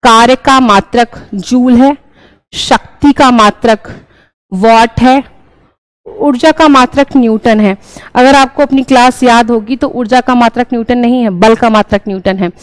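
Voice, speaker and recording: A woman's voice: on the high side, unhurried, dry recording, low-quality recording. A young woman teaching an exam-prep class, explaining each answer step by step and often checking in with her listeners. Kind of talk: exam-prep lesson, solving questions.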